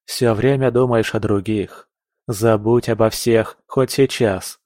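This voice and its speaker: A man's voice: fairly low pitch, steady tone, takes it slowly, a little mellow, no room sound, studio quality. A man reading an audiobook voices a confident young suitor who talks persuasively.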